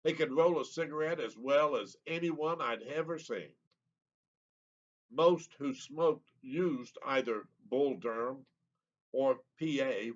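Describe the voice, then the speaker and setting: A man in his seventies reading his own childhood memoir aloud in an unhurried, reminiscing, plain-spoken way. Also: fairly high pitch. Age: 70s. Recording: slightly muffled lo-fi recording.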